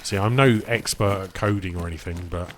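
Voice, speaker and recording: A deep-voiced man talks fairly quickly to his audience while streaming a game, with slight noise in the background. His casual chat meanders between subjects, he addresses viewers as "boys," and he eats as he speaks, mouth full at points.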